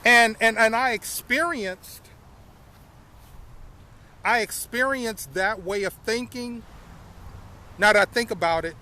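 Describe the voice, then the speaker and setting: A vlogger in his fifties casually tells viewers his life story, often repeating phrases and addressing them as y'all. His voice is high-pitched, bright, and forceful, with slight background noise.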